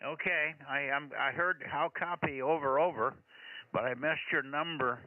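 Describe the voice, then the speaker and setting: A man's voice: a little high, steady tone, normal speed. A man working as a ham radio net operator, reading callsigns and repeating phrases in radio procedure talk over a crackly radio link. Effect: crackly radio transmission. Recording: crackly noisy narrowband shortwave radio with clicks.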